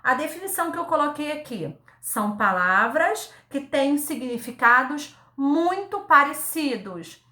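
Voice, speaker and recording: A woman teaching young children in a recorded lesson, her voice high and bright. She talks slowly and patiently, spells words out piece by piece, and tags her sentences with a checking "tá?". The room around her is echoey. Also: very animated. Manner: slow, patient, repeats words syllable by syllable; ends phrases with a checking "tá?". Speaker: primary school teacher.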